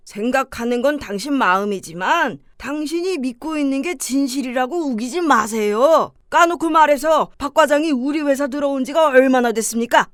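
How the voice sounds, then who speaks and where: A woman's voice: sits high, no echo, studio quality. A woman voicing a smug, condescending middle-aged male company boss who laughs things off, in a talk-toon drama. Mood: defensive.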